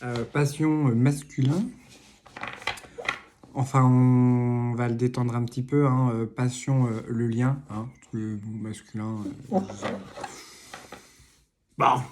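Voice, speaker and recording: A man's voice: medium pitch, steady tone, takes it slowly, pauses often. A man giving a casual card reading, rambling with many fillers, asides and jokes. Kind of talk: casual spoken tarot reading. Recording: noisy home recording with clicks.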